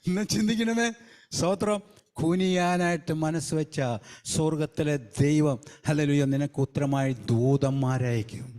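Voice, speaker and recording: Fervent high-voiced male preacher. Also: steady tone, moderate pace, darkish tone. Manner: fervent, peppered with hallelujah and praise the Lord. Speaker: evangelist preacher. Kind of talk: sermon.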